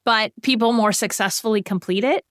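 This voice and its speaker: On a financial podcast, a middle-aged woman talks through goal-setting using everyday examples, keeping it conversational. Her pitch is fairly high and she speaks a little fast. The studio-quality recording has no echo.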